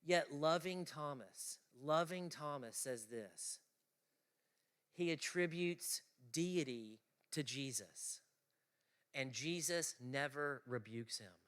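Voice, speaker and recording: A man preaching an animated lecture to students, emphatic, swinging from loud exclaiming to quiet asides. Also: a little high, slow.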